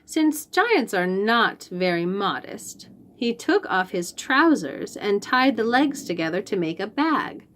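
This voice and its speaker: At a medium pitch, a woman reads a storybook aloud for small children. Her reading is expressive and unhurried, with stress placed on key phrases.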